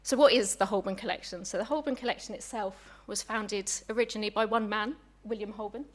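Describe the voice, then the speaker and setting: A young woman, a museum curator, gives a public lecture in a chatty, friendly way with warm, apologetic asides. Her mid-range voice moves fairly quickly, and she sounds slightly out of breath.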